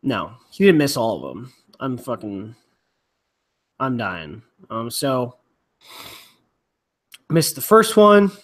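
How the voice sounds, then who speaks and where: A man's voice: medium pitch, sing-song, takes it slowly, long pauses. A man hosting a casual chat, rambling with restarts and the odd swear. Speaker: rugby podcast host.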